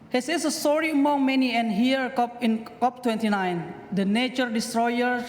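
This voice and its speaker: Man speaking in an echoey hall. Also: extremely high pitch. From Indonesia. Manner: halting, non-native phrasing. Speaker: campaigner. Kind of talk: press conference statement. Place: conference press room. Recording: echoey hall, faint noise.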